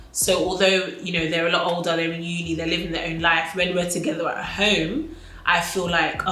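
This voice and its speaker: A woman's voice: lowish voice, a bit bright. A woman in her twenties answering documentary interview questions in a reflective, casual way with many fillers. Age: 20s. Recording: echoey room with faint noise.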